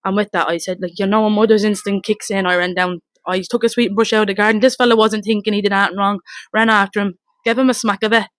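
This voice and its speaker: A woman with a Dublin accent giving a blunt, rapid, emotional first-hand account, swearing and re-enacting her shouts, outdoors in front of her home. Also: medium pitch, fairly even intonation, dry recording. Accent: Dublin Irish. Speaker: mother telling her story.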